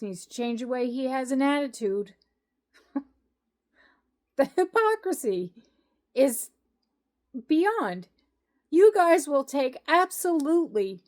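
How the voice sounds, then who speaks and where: A middle-aged woman from Canada delivers a heated political rant straight to camera. Her voice sits a little high, and she speaks slowly and deliberately, hammering her points with exasperated repetition and the occasional wry laugh. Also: a little mellow. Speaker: political vlogger.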